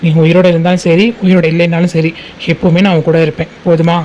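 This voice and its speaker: A woman's voice: lowish voice, flat delivery, fast, warm tone, dull audio, a little hiss or hum, lightly acted. A woman voicing a playful, devoted young man in a cartoon, teasing and affectionate. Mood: tender. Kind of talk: cartoon voice acting.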